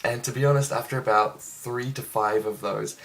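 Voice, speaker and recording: Relaxed young New man chatting. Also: mid-range voice, moderate pace, creaky. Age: young adult. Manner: relaxed, chatty, self-deprecating with frequent ums. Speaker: trumpet player. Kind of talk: casual video interview answers.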